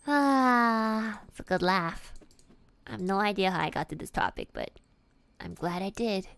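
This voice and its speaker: A woman's voice: mid-range voice, animated, a little slow, a bit bright. A woman streamer chatting casually, rambling with lots of fillers, giggling and swearing offhandedly.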